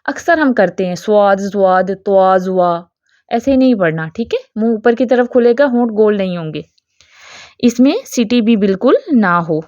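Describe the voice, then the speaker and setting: Patient woman teacher, slightly high voice. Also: animated, darkish tone, no echo. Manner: patient, explanatory, models sounds slowly and repeats them. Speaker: Quran recitation teacher. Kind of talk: tajweed lesson with recited examples. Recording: dull lo-fi dry recording.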